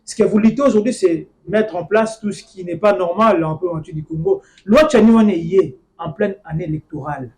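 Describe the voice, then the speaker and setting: High-voiced man pressing for answers. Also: darkish tone. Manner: pushes for quick answers, frequent interjections. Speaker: TV debate host. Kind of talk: political talk show interviewing.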